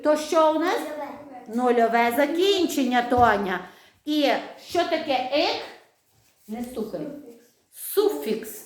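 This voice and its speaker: High-voiced woman teaching primary school. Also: animated. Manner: instructive, patient, drawn-out dictation. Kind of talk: online class lesson. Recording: echoey room, faint noise.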